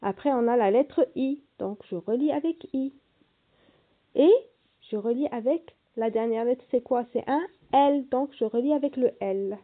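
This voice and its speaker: Woman, primary teacher, slow and patient, spells out letters, a touch high, thin phone-quality audio. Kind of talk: primary school reading lesson.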